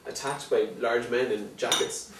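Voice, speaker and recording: Male co-host, irreverent deadpan humour; roomy room, distant mic. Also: medium pitch, measured pace, background noise. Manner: irreverent, laughing, deadpan dark jokes. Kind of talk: joking tech news chat.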